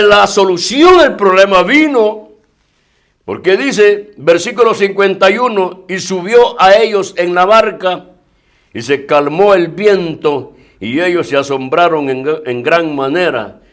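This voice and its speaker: A man preaching a sermon as pastor, emphatic and repetitive, swinging between loud declarations and hushed asides while addressing his listeners as brother. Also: high voice.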